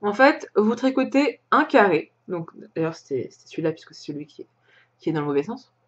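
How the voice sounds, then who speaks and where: A woman's voice: medium pitch, big pitch swings, brisk. Chatty French woman, dull lo-fi sound. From France. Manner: hesitant, many fillers and restarts, chatty with light laughs. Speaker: crafting podcast host. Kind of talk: casual show-and-tell chat.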